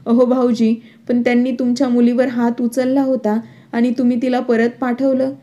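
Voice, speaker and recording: A woman's voice: a little high, flat delivery, normal speed, mellow, muffled recording, lightly acted. A woman voicing a blunt, combative middle-aged uncle in a storybook reading. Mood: indignant.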